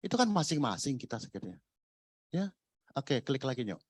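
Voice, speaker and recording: A man's voice: medium pitch, big pitch swings, brisk, breathy edge, no room sound. A man preaching a sermon in a conversational, jokey way, full of rhetorical questions. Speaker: pastor. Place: church.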